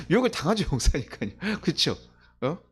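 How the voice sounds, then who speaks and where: A man's voice: on the high side, sing-song, moderate pace, breathy edge. A man preaching a sermon as pastor in a church, talking conversationally with many rhetorical questions and chuckling at his own stories.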